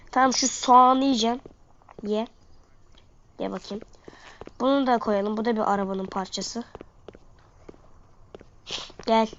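Woman, stuffed-up sniffly nose, high voice, casual gaming commentary, dull lo-fi microphone. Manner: slangy, talking to viewers while playing. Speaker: gaming video host.

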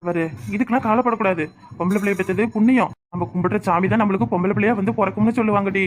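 Woman voicing a cartoon father, calm and reasoning, Tirunelveli Tamil accent, quick talk. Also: medium pitch, slight background noise, natural voice. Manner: soothing, reasoning. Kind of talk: cartoon voice acting.

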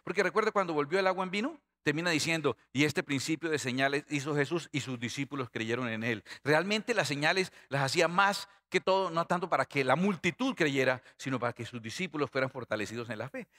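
A middle-aged man preaching a sermon, animated and constantly asking his congregation questions. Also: a little high, brisk, hardly any pauses. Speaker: pastor.

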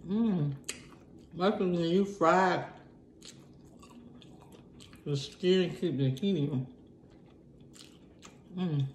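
Una mujer que come y charla de forma relajada en un vlog, hablando con la boca llena mientras mastica. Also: female voice, on the low side, extremely slow, pauses often, roomy sound, a little hiss or hum. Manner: relaxed, talks between bites with food sounds. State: mouth full, chewing. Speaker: mukbang vlogger. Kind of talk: casual eating vlog chat.

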